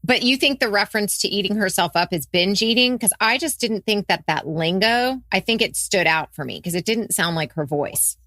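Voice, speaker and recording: A woman's voice: medium pitch, lively intonation, moderate pace, hardly any pauses, sharp tone, no echo, studio quality. A woman co-hosting a podcast, chatting casually and enthusiastically about a student's story, with hesitant starts. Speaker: podcast co-host.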